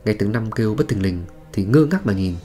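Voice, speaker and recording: A man's voice: lowish voice, lively intonation, a little fast, dark tone. A man reading a scripted horror story in a dramatic, suspenseful manner. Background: faint music.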